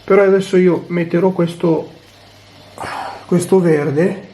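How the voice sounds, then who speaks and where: A man with a fairly high-pitched voice hosts a craft tutorial. He talks casually through each step as he works, in an informal hands-on style. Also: fairly even intonation, takes it slowly, dark tone, echoey room, a little hiss or hum, poor audio. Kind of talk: casual hands-on DIY commentary.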